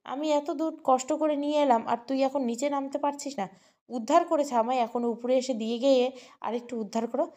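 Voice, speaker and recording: A woman's voice: high-pitched, fairly even intonation, fairly quick, dark tone, lightly acted. A woman voicing a playful young woman who teases her friend over the phone. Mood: teasing.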